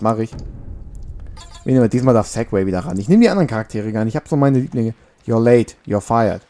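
Gravelly man chatting over a game. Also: mid-range voice, mellow. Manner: chatty, joking, scolds the game character. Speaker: let's play gamer. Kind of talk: casual gameplay commentary. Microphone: makeshift home mic setup.

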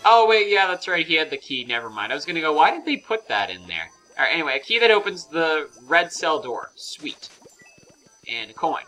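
A man's voice: a little high, sing-song, a little fast, pushed and bright, faint music behind, low-quality recording. A man giving casual, rambling game commentary, with fillers and self-corrections. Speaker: let's play commentator.

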